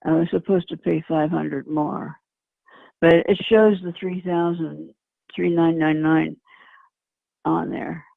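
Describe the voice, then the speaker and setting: An older woman in a casual phone conversation, speaking in a hesitant, halting way. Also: low voice, steady tone, creaky, no room sound. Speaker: scam victim receiving help. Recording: dull, narrow phone-line sound.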